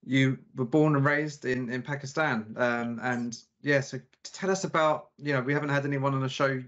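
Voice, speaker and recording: A man's voice: medium pitch, fairly even intonation, moderate pace, fairly bright tone. A man hosting a podcast, asking questions in a casual, rambling way with frequent restarts. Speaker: podcast host. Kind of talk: conversational podcast interview. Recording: dull lo-fi podcast audio.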